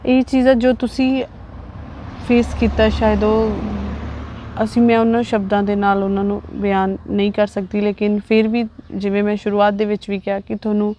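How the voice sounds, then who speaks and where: A woman's voice: mid-range voice, flat delivery, normal speed, dark tone, a little hiss or hum. A woman interviewer asking formal questions and giving brief acknowledgements.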